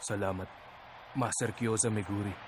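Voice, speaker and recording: A man voicing a quiet, driven young cartoon swordsman. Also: fairly low pitch, fairly even intonation, normal speed, lightly acted. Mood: earnest. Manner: quiet, respectful. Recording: cartoon dub with loud music and crowd.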